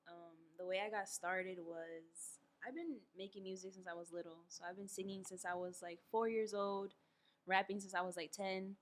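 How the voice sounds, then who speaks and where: A young woman from Queens, New York, a guest on a casual podcast, telling her story in a relaxed, unhurried way with many fillers. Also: medium pitch. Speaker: guest artist.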